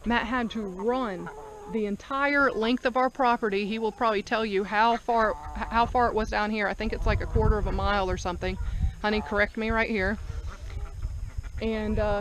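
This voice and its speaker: A woman's voice: medium pitch, moderate pace. A mother and homesteader telling a long story to camera outdoors, rambling and correcting herself as she goes. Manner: rambling, animated, self-correcting. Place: outdoors on a rural farm. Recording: noisy outdoor farm recording.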